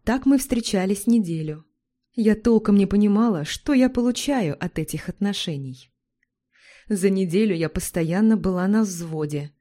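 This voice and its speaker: A woman narrating a first-person story in an even, confessional tone. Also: medium pitch, normal speed.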